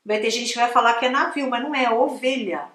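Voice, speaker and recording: A woman's voice: a little high, fast, a bit bright, roomy sound. A woman from Brazil teaching English pronunciation in a chatty video lesson, exaggerating the sounds to demonstrate them.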